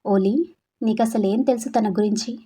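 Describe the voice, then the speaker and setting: A woman's voice: mid-range voice, normal speed, mellow, breathy edge, close to an everyday voice. Woman playing a stern middle-aged father.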